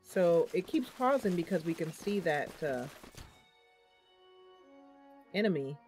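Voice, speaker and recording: Slow and a little mellow, this woman's fairly low voice carries lively intonation over faint background music. She's a gaming channel host in a casual let's-play, thinking out loud with frequent ums and playfully speaking directly to viewers.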